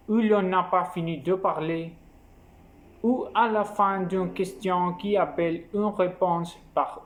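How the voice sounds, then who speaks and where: Slow, high-voiced man teaching a lesson. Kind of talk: scripted lesson narration.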